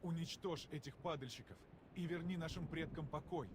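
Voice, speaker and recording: Guy doing solemn fantasy clan quest giver wanting revenge, slightly high voice, noisy game audio. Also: normal speed, natural voice. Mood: solemn, vengeful.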